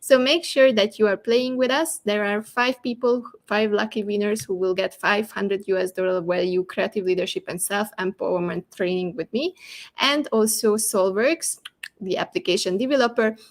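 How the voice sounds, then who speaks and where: Woman host, chatty, laughs a lot, talking over a video call. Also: mid-range voice. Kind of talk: show intro and interview.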